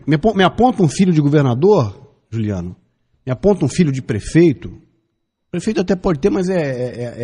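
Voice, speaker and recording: In a radio studio, a fiftysomething Brazilian man offers forceful commentary, repeating himself and posing rhetorical questions to make his case. He has a fairly high-pitched but darkish voice that sounds slightly rough.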